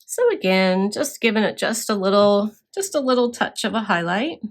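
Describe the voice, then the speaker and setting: A woman's voice: medium pitch, lively intonation, moderate pace. A woman instructor demonstrating scrapbook crafting step by step, explaining as she works with occasional fillers.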